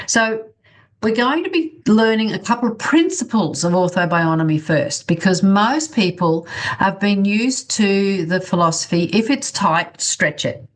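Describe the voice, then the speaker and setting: A woman instructing a bodywork workshop over a video call, talking informally and encouragingly as she guides and checks on participants. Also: mid-range voice. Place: online video-call class.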